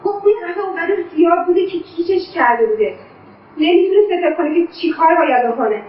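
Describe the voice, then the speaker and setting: A woman's voice: extremely high pitch, animated, a little hiss or hum. An actress playing a grown daughter who accuses her mother and recounts events, in a radio drama. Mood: recounting. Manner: accusing, reproachful. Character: grown daughter, reproachful and emotional. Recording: echoey, distant, dull lo-fi sound.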